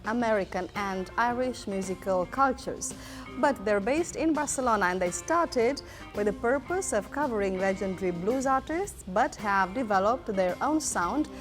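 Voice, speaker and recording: A woman presenting a TV show, interviewing guests and reading from her notes. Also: medium pitch. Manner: inquisitive, reads prepared notes. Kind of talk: studio interview.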